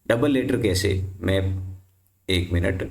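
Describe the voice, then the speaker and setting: A man's voice: low-pitched, slow, gravelly. Man teaching in an echoey room. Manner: repeats questions to the class and answers them himself. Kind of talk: explaining English reading rules to students.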